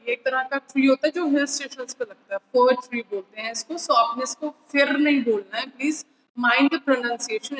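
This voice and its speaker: An Indian woman teaching an online class in a high, bright voice, talking in an unhurried way. She mixes Hindi and English and keeps checking that her pupils follow her. Her voice rings with a long reverb, as though she is in a bare room.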